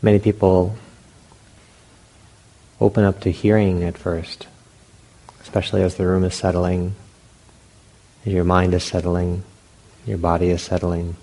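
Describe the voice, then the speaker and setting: In a rough recording, a man with a low, flat voice leads a guided meditation as its teacher. He takes his time, speaking softly in brief phrases broken by long pauses.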